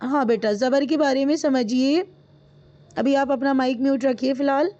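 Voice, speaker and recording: A woman's voice: high-pitched, steady tone, warm tone, highs cut off. A woman teaching in a live online class, patiently explaining and repeating each point, then quizzing her students. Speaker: Quran reading teacher.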